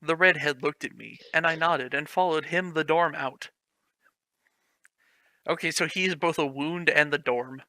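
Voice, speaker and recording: Reading fan fiction at a measured pace, a man with a slightly high, sharp voice exaggerates the stiff prose for comic drama and keeps laughing between lines of commentary. The recording is dry.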